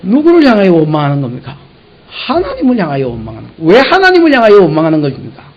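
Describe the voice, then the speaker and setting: A male pastor with a Gyeongsang Korean accent preaching an expository sermon, swinging from soft to shouting and acting out quarrels in dialect. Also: sits high, huge pitch swings, quick pace, highs cut off.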